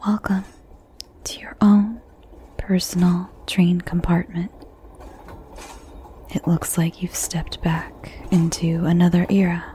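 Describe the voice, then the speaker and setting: A woman whispering a slow guided visualization story in the second person, in a soft unvoiced whisper. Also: fairly low pitch, flat delivery, slight background noise.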